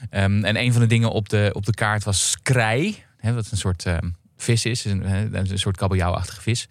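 A man co-hosting a podcast, speaking thoughtfully with many pauses and fillers. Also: on the low side, fairly even intonation, dry recording, studio quality. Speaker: podcast co-host. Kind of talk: casual chat.

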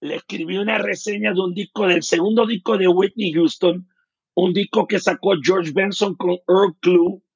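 A man's voice: sits high, steady tone, normal speed, slightly rough, no echo, highs cut off. A Puerto Rican man in his fifties, a guest telling his life story in detail, speaking with a Puerto Rican Spanish accent. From Puerto Rico. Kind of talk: storytelling interview.

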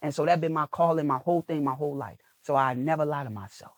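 A man with a fairly high voice talks fast on a dry recording with no echo. He's a guest on a motivational podcast, coaching people on making video content, and he's emphatic and preachy, repeating phrases again and again.

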